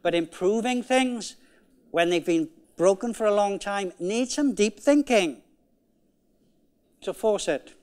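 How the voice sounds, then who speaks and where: Guy doing a conference keynote, highish clear voice, punchy and chatty. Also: lively intonation, takes it slowly, long pauses, darkish tone. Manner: emphatic, conversational, repeats key phrases. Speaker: keynote speaker. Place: conference hall.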